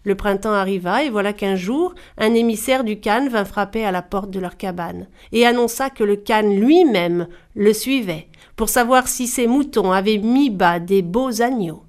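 A woman narrating a folk tale in a calm, measured storybook manner. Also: medium pitch.

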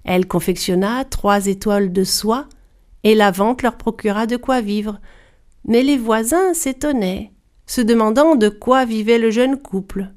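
A woman narrating a folk tale in a measured, even storybook style. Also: fairly high pitch.

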